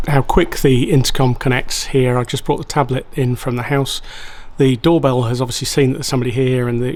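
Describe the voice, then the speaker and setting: A man with a medium-pitched voice gives a casual product review, explaining things informally and hesitating as he works out his sentences. He comes across like a home renovator offering an honest, hands-on walkthrough.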